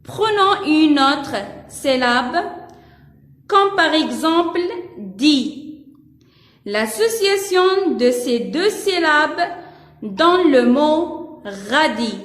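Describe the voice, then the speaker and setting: Lady teacher sounding out letters super slow, echoey room. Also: high voice, fairly bright tone. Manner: slow, deliberate, repeats each syllable. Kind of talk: slow reading lesson for first graders. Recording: echoey room with long reverb.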